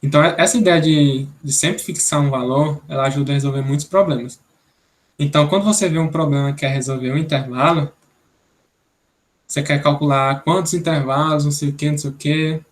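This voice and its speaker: A man's voice: on the high side, steady tone, a little fast. A young man from Brazil teaching an online programming class, thinking aloud step by step and checking in with "né?". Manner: explanatory, thinks aloud, many "né?" tags. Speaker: instructor.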